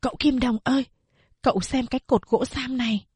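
A woman's voice: high voice, fairly even intonation, a little fast, husky, no room sound, voice pushed up. A woman voicing a curious, secretive young village boy who speaks in eager, pleading questions.

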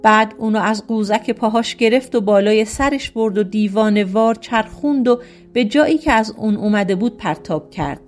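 A woman's voice: medium pitch, faint music behind. A woman reading a folk tale aloud as an audiobook narrator, speaking each character's lines in her own voice. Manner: reads all characters in her own voice with quoted dialogue. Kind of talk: storybook narration.

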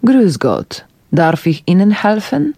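A woman's voice: mid-range voice, sing-song, slow, warm tone, dry recording, full character voice. Woman reading as a chirpy shop saleslady. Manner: chirpy, then curt. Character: polished middle-aged woman shop assistant, brisk.

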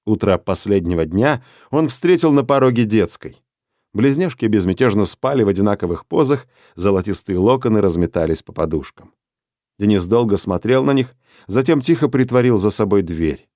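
A man narrating a dark story as an audiobook, in a steady, measured reading. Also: fairly low pitch, no echo, clean studio sound.

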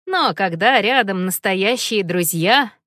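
Lady doing a calm soft-spoken mom from a kids' story, mid voice, dry close sound. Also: mid-range voice, slow, no room sound. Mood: gentle. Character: calm, gentle mother.

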